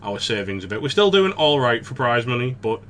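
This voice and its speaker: A man co-hosting a casual gaming podcast, chatty and rambling, quick to laugh. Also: medium pitch, very animated, a bit bright, slight background noise. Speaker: podcast co-host.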